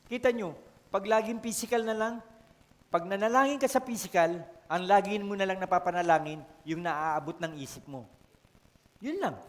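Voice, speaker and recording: A man's voice: high-pitched, moderate pace. A male pastor with a Filipino accent preaching a sermon in a storytelling way, often calling out to the congregation. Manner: storytelling, code-switching, asks the congregation for responses. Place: church hall. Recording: long church-hall reverb.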